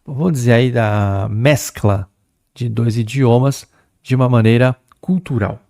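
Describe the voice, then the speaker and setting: A middle-aged Brazilian man runs a chatty exam-prep English lesson, slowing down whenever he reads English text aloud. His voice is mellow and gravelly with a lot of fry. The recording is close and dry. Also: mid-range voice, no room sound. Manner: lively, chatty, talks to students, reads English aloud slowly. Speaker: English teacher.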